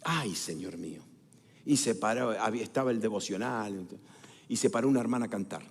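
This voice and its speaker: A male pastor preaching a sermon, repeating words for emphasis and putting questions to the congregation, moving between loud declarations and quiet storytelling asides. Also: lowish voice, fast. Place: church sanctuary. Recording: church hall with long reverb.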